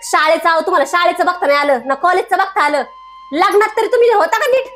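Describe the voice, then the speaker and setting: An actress playing a mother who stammers timidly and then speaks out in sharp reproach. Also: high-pitched, moderate pace, soft background music, natural voice. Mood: defiant. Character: timid mother turning defiant. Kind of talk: short drama acting.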